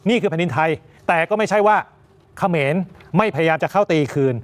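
A male news anchor giving emphatic, animated commentary. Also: high-pitched, a little fast.

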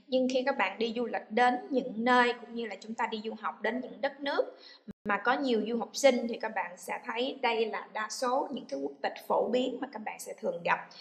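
A woman teaching an English lesson to a class, explaining and then saying model words with strong stress for students to repeat. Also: fairly high pitch. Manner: switches between explaining and loud, stressed model words for repetition. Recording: echoey room.

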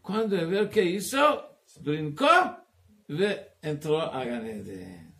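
A male rabbi giving a Torah class, talking in a halting way, searching for words and dropping in Hebrew terms. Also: a little high, wildly swooping pitch, gravelly, slight background noise. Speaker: rabbi teaching Talmud.

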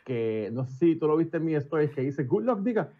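Animated man, storytelling. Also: on the high side, normal speed, dull audio. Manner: profane, animated, switches into English. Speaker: podcast guest. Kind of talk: casual storytelling chat.

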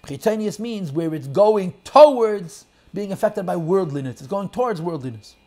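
A man teaching a Chassidic text class, explaining in English sprinkled with Hebrew and Yiddish terms and shifting between loud and soft emphasis. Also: sits high, lively intonation, moderate pace. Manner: quotes and translates lines of text, swings loud and soft. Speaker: Torah teacher.

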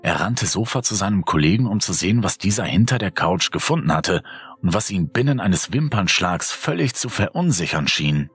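Deep husky male horror narrator. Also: lively intonation, moderate pace, a bit bright, no room sound, soft background music. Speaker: audiobook narrator.

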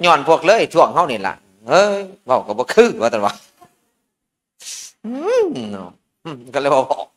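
A man's voice: mid-range voice, sing-song, normal speed, fairly bright tone. A man, a Buddhist monk with an Isan accent, giving an informal sermon at a merit-making ceremony in a folksy, joking storytelling manner.

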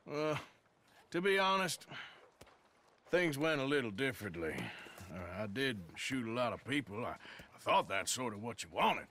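A deadpan outlaw gunman. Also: mid-range voice, normal speed, pauses often. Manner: laconic, deadpan. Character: dry-witted male outlaw gunman. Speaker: video game protagonist.

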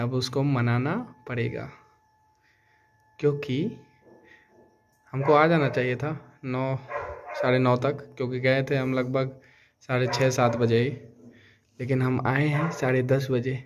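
A young man, filming a casual home vlog at night on a phone and coaxing and teasing his wife, often repeating himself. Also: mid-range voice. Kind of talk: casual family vlog chat.

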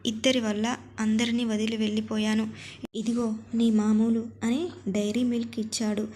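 Woman storyteller, fairly high voice, level and even delivery, first-person narration. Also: normal speed, slight background noise.

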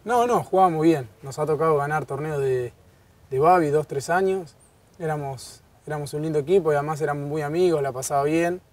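A man in his thirties with a Rioplatense Spanish accent, a guest footballer chatting casually in an outdoor garden bar, relaxed and repeating his words. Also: on the high side, brisk. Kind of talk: casual interview chat. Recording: distant outdoor pickup, faint ambience.

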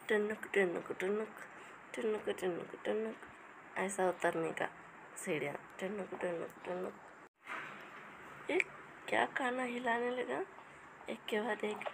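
A woman's voice: mid-range voice, gravelly, noisy background. A woman giving a comic voice-over to pet clips, scolding and coaxing the animals in a playful way. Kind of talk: comic voice-over talking to pets.

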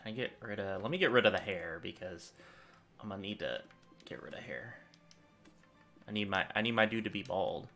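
With soft music in the background, a young gaming-channel host talks a little fast in a fairly low, creaky voice, broken up by long pauses. He thinks aloud in rambling, casual play commentary from a desk in a small home room, his loudness shifting lively.

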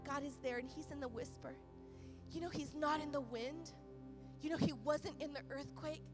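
Impassioned high-voiced woman preaching. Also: moderate pace, music in the background. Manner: impassioned, swings between loud urgent peaks and soft quiet passages; repeats and restarts phrases while preaching. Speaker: pastor. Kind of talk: sermon. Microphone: microphone.

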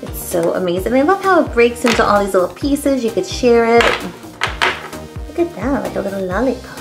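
A woman's voice: on the high side, lively intonation, fairly quick. A woman hosting a casual candy review, gushing and cutesy as she tastes the treats. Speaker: host. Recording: faint background music.

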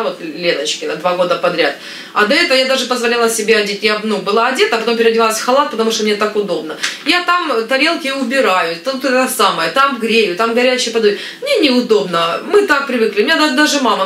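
Woman in her thirties, bright voice, chatty vlog talk, echoey living room, faint hiss. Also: medium pitch. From Ukraine. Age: 30s. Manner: chatty, lively, gestures with hands. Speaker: family vlogger. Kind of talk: casual chat to camera. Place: living room with floral curtains, indoors.

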